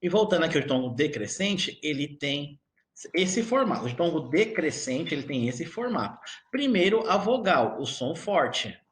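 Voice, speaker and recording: Brazilian guy teaching grammar online, kinda high voice, echoey room, keeps asking if everyone's following. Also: sing-song. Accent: Brazilian Portuguese. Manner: explains slowly, checks in often with the class.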